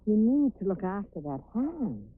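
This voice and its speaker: An actress playing a determined, unyielding heroine in a TV fantasy drama, speaking firmly on an old broadcast recording. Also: female voice, medium pitch, sing-song, moderate pace, breathy edge. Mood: cool. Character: determined, unyielding heroine reclaiming what is hers. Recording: tinny old TV broadcast with music.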